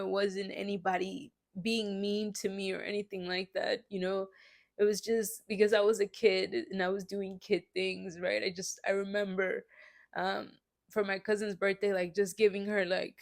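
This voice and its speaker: A woman speaks candidly in a personal faith talk, sharing her own struggles in a loose, rambling way. Her voice has a noticeable gravelly fry at mid pitch. She often pauses to check in with her listeners. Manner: rambling, confessional, keeps asking "right?". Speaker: faith vlogger.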